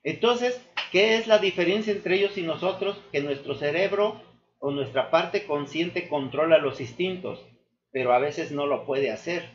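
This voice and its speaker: Addressing his church as brothers, a man gives an earnest, sermon-style testimony, often pausing with fillers and restarts. His voice is on the high side, recorded in an echoey room with dull lo-fi sound.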